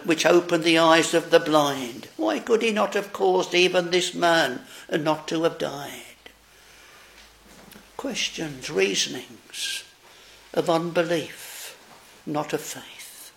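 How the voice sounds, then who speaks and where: A man preaching a sermon, slow, solemn and earnest. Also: fairly high pitch, gravelly, a bit bright.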